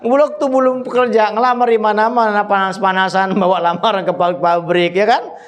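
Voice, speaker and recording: Preacher man, high voice, chatty and joking with the congregation, slow Arabic recitation. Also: fairly even intonation. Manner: recites Arabic verses slowly. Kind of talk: casual religious study sermon.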